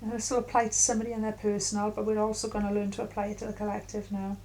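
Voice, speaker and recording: A middle-aged woman giving an intuitive tarot reading in a musing, halting way with many fillers. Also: medium pitch, completely flat delivery, dark tone, a little hiss or hum, low-quality recording. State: coughing at times. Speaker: tarot reader.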